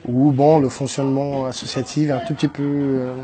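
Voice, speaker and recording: Fairly quick and warm, with little pitch movement in his mid-range voice, a Brazilian man in his 30s tells his life story in French as an entrepreneur guest on the radio. A native Portuguese speaker, he is hesitant, with many fillers and restarts.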